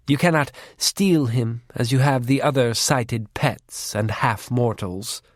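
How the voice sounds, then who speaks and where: A man voicing a cruel, war-loving female faery who taunts her sister in a low, menacing voice that drifts into whispers. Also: slow pace, no room sound, studio quality, natural voice. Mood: taunting.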